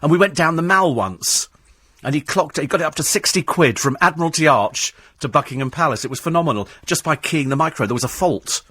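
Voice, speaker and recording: A man's voice: fairly high pitch, lively intonation, brisk, a bit bright, husky, no echo. A man, a radio talk show host ranting sarcastically in a studio. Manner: sarcastic, mocks cabbies in put-on voices.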